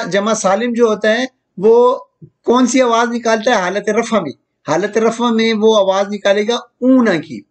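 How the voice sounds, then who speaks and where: A man giving a recorded grammar lecture. He asks questions and answers them himself, and he draws out each example slowly. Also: high voice. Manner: often checks in with "theek hai". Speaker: Arabic grammar teacher.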